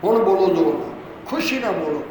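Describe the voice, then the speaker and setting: A man's voice: high-pitched, expressive, brisk, darkish tone. A man with a Punjabi accent preaching a Sunday sermon, leading the congregation in call-and-response and urging them to repeat his words aloud. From Punjab, India. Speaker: pastor. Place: church hall. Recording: echoey hall with long reverb and noise.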